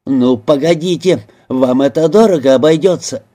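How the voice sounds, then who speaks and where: A man's voice: moderate pace, warm tone, natural voice. A man doing a shrieking, vengeful old spinster. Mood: furious, threatening. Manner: shrill, spitting threats.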